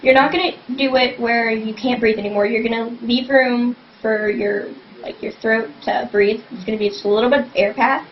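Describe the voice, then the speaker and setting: A young woman in a casual home tutorial, rambling and saying "like" constantly as she explains vocal technique. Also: on the high side. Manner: rambling, fills every phrase with "like". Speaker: vlogger teaching scream technique. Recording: dull lo-fi webcam audio, faint hum.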